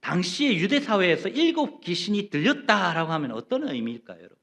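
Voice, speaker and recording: Emphatic Korean pastor, lively high voice. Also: male voice, a little fast, creaky. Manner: emphatic, questioning the congregation, acting out quoted voices. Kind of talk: sermon.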